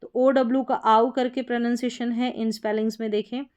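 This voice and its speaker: Mellow-voiced Indian woman teaching pronunciation. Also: fairly high pitch, flat delivery, brisk, clear, resonant tone. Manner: patient, reads word lists aloud one by one. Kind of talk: explaining lesson.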